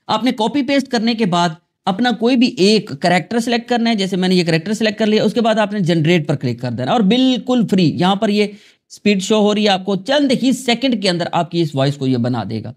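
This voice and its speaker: A man from Pakistan hosting a screen-recorded software tutorial, talking chattily to his viewers. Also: high-pitched, lively intonation. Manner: chatty, addresses viewers as "janab" and "dosto". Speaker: tutorial host.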